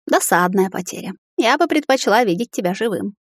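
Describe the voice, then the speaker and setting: A woman's voice: medium pitch, animated, fairly quick, no echo, clean studio sound, lightly acted. A woman voicing a scornful, haughty young female witch in an audiobook, speaking in a mocking, sneering manner. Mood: cold.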